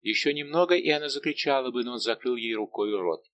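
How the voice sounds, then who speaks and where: Brief: expressive male narrator, middle pitch, dramatic audiobook reading. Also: fast talker, muffled recording. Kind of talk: scripted narration.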